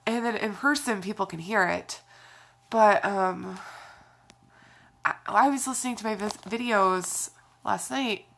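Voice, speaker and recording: A woman's voice: medium pitch, measured pace, creaky, pauses often, fairly bright tone. A young woman vlogging casually while sick, her voice scratchy and congested from a cold, rambling with sighs and fillers. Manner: rambling, sighing, with frequent fillers. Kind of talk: casual vlog talk.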